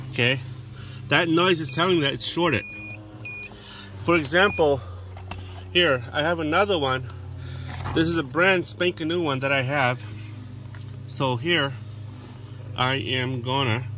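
A male DIY radio hobbyist gives casual, plainspoken how-to narration, working in and beside a parked vehicle outdoors. His fairly high, sharp voice comes in short, halting, unhurried steps as he films one-handed on a handheld phone, with slight background noise.

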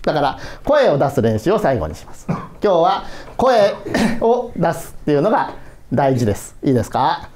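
Middle-aged male workshop leader, playful and coaxing, pitch ranging widely. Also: very animated, normal speed, a little mellow. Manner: playful, coaxing, laughs often. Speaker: workshop instructor. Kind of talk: children's workshop instruction. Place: museum hall, indoors.

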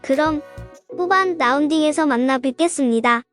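A woman with a high voice delivers scripted golf commentary in a polite, formal register. She reports the round shot by shot as a voice-over, with music playing faintly behind her. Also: moderate pace, a bit bright. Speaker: narrator of an amateur golf vlog.

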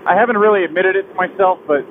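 Over wind and road noise on a tinny helmet mic, a young man confesses something personal as he rides his motorcycle along a highway. He's a motovlogger, and his heavy-hearted account keeps stalling and starting over.

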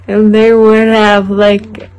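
A woman vlogging casually to camera, talking in halting, rambling bits with many restarts. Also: mid-range voice, monotone, a little mellow, clean tone, soft background music, rough recording. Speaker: vlogger documenting her recovery.

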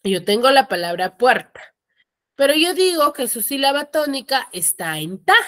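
Lively, high-voiced woman teacher. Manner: explains step by step with frequent checking questions; asks students to mute their mics. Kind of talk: online class lecture. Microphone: computer microphone on a video call.

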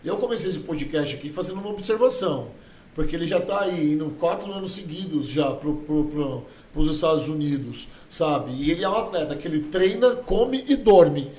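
A man's voice: on the high side, lively intonation, moderate pace, a little mellow. A man with a Brazilian accent hosting a casual podcast, talking emphatically and with a preachy edge. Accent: Brazilian Portuguese. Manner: emphatic, opinionated, sermon-like asides. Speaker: podcast host. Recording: echoey room with faint background hum.

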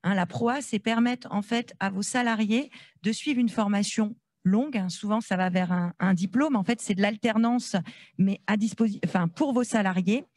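A woman's voice: medium pitch, normal speed, a little mellow, dry recording, studio quality. A woman speaking through a face mask into a handheld microphone, giving an informal explanatory presentation with some hesitant rephrasing. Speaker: presenter at a conference. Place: conference room with a small panel on stage. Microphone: handheld microphone held close to the mask.

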